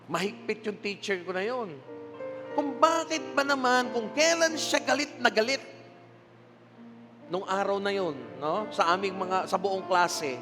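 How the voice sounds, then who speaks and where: An older Filipino man preaching a sermon as pastor, telling stories with animated delivery and frequent laughter. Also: sits high, a little slow. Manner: animated storytelling, laughs often. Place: church sanctuary. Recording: long hall reverb with music behind.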